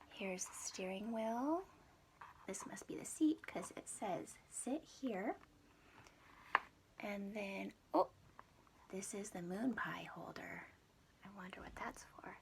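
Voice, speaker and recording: Reading a storybook to young children, a woman preschool teacher chats expressively and keeps asking her listeners questions. Her voice is mid-range and creaky, with a little hiss or hum in the recording.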